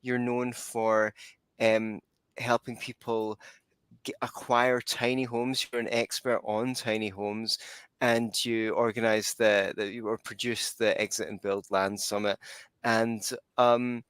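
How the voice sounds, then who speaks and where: A man hosting a podcast interview, talking in a relaxed, rambling way with fillers. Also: fairly low pitch, slow, smooth, no echo. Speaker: podcast host. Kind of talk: conversational interview.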